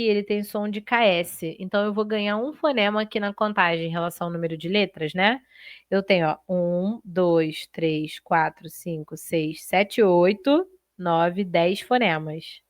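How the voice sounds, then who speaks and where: A woman teaches Portuguese in a live online exam-prep class, lively and chatty, talking straight to her students. Her voice sits in an ordinary middle range. The sound is close and dry, with no room around it. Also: mid-range voice, dry recording.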